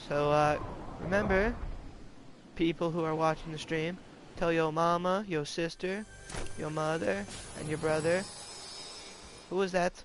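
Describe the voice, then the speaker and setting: Young male game streamer, slightly high, gravelly voice, crude jokey banter to chat, faint noise behind. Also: fairly even intonation, unhurried. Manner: joking, swears a lot, calls out to chat. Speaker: gaming streamer. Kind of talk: live game commentary.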